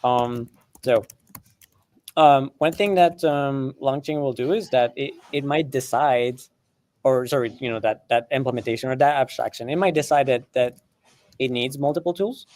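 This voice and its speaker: A man with a mid-range, darkish voice speaks at a moderate pace while co-hosting a live coding stream. English is his second language, and his explanations are chatty, peppered with fillers and restarts and frequent laughter.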